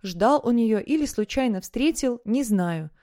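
A woman narrating an audiobook in the first person, in a lively, conversational way. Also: a little high, measured pace, no room sound, studio quality.

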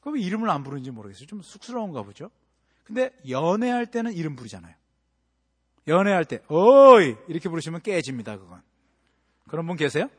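A man preaching a sermon in a church sanctuary, dramatic and swinging between hushed asides and loud bursts. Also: on the high side, big pitch swings, quick pace, husky. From Busan, South Korea. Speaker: pastor. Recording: long hall reverb.

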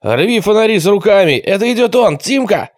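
A man voicing a brash teenage gang leader who barks orders in a raised, excited voice. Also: sits high, a little fast, dry recording, clean studio sound, voice pushed up. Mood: shouting alarmed. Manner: shouting, excited.

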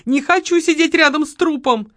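A woman's voice: fairly high pitch, very animated, unhurried, fairly bright tone, dry recording, studio quality, full character voice. A woman reading an audiobook, voicing a hysterical young woman who shrieks and whines. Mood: panicky wailing. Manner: shrieking, whining.

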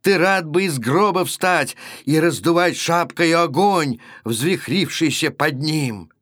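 A man's voice: on the high side, expressive, takes it slowly, fairly bright tone, dry recording, studio quality, exaggerated voice. A man voicing a grieving young wife who pleads with passion in a storybook reading. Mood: pleading. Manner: impassioned, pleading.

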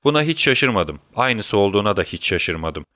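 A man's voice: lowish voice, sing-song, moderate pace, bright, forceful tone, dry recording, studio quality. A man voicing a sly, gloating doctor villain in an audiobook, mocking and taunting his victim. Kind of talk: audiobook character voice.

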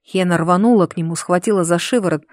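An expressive narrator reads a fantasy novel aloud, keeping the telling lively. The voice sits at a middle pitch, and the close, dry recording has no room sound around it. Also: quick pace, no room sound. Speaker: audiobook narrator.

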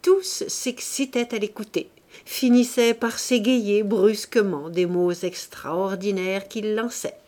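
Woman reading an old novel audiobook, slow and expressive, measured. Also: medium pitch. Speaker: audiobook reader. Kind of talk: scripted narration.

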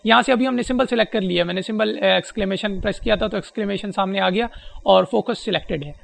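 Tutorial presenter, male, gravelly and high-pitched, hesitant step-by-step delivery. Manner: explains step by step with frequent hesitations. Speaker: presenter demonstrating a screen reader. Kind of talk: spoken software tutorial.

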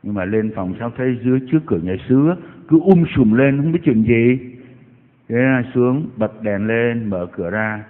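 A man preaches in a mid-pitched voice, telling anecdotes and punctuating them with mocking exclamations. His words carry a long church reverb. The recording sounds narrow and tinny, like a phone line. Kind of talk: sermon. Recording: echoey hall over tinny broadcast line.

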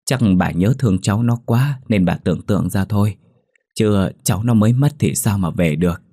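A man voicing a gentle village man who coaxes a grieving old woman to rest. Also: on the low side, fairly quick, no echo, clean studio sound. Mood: soothing. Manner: soothing, coaxing.

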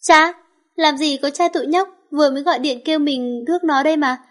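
Fierce young nanny girl read by a woman, storybook, highish voice. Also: steady tone, brisk, close to an everyday voice. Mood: urgent. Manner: anxious then icy.

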